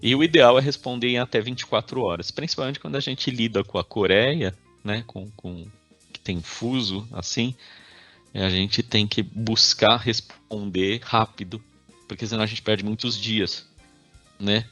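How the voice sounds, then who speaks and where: Low-voiced Brazilian man giving a work talk. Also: moderate pace, a bit bright, soft background music. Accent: Brazilian Portuguese. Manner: conversational, tags sentences with frequent "né?". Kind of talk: informal workplace talk.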